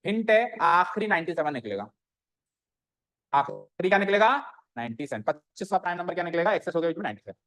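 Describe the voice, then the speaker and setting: A man's voice: high voice, sing-song, quick pace, fairly bright tone. Man teaching maths, quizzing students. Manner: quizzes students and repeats answers back; mixes English maths terms into Hindi. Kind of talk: classroom maths lesson.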